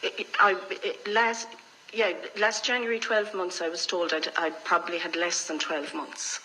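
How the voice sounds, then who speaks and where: A middle-aged Irish woman with a lowish, bright, forward voice speaks frankly and reflectively, telling personal stories in conversation as an interview guest. There is faint noise and room ambience behind her. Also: little pitch movement, moderate pace, rough recording. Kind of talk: candid personal storytelling in conversation.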